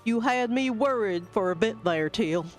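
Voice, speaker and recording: A woman reading game dialogue aloud, voicing a formal, dignified forest guardian with stately, old-fashioned phrasing and a measured delivery. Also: a little high, lively intonation, soft background music, close to an everyday voice. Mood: relieved. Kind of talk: reading video game dialogue in character voices.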